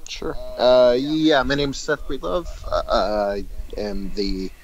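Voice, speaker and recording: A man's voice: medium pitch, expressive, slow, lo-fi sound, a little hiss or hum. A man being interviewed as a guest filmmaker over a video call from a hotel room, explaining his work in an earnest, methodical way.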